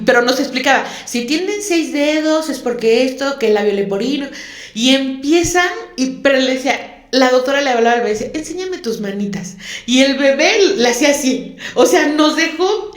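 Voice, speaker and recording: A woman's voice: high voice, animated, normal speed. A woman, a guest telling a personal story in an interview, emotional and repeating words for emphasis. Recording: echoey room.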